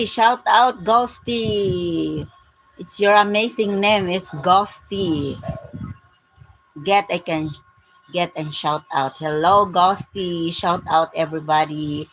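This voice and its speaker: A woman's voice: on the low side, fairly bright tone, poor audio. A Filipino woman in her forties hosting a casual live-stream vlog, greeting her viewers with a repeated "my dear, my friend". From Philippines. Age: 40s.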